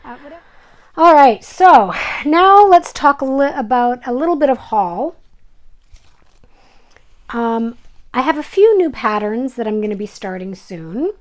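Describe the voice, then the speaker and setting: A woman casually chatting through her cross-stitch projects at home, self-deprecating and full of fillers, sometimes dropping to a soft whisper. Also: high-pitched, big pitch swings, a little slow, pauses often. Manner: drops to soft whispers over her silks. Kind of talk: casual show-and-tell vlog.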